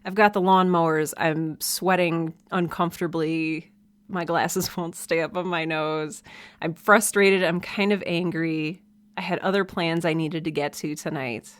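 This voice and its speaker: A woman's voice: deep voice, steady tone, measured pace. A woman hosting a casual solo podcast from her hot home office, chatty and self-deprecating, laughing often. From American Midwest. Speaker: podcast host. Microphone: desk mic with headphones.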